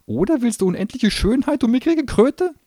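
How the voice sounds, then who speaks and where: A man voicing a sarcastic, hot-tempered little male gnome demon who grants wishes, shrill and mocking, in an audiobook reading. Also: animated, moderate pace, mellow, no echo, clean studio sound.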